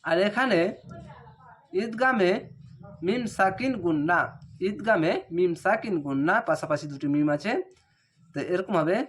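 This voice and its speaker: Man chanting syllables in a recitation lesson. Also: sits high. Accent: Bangladeshi Bengali. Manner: spells out syllables slowly, then chants the words. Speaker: Quran reading teacher.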